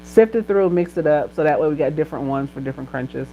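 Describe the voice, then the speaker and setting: A woman's voice: deep voice, fast, muffled recording, a little hiss or hum. A woman chatting casually on a live stream, addressing her viewers and speaking blessings over them.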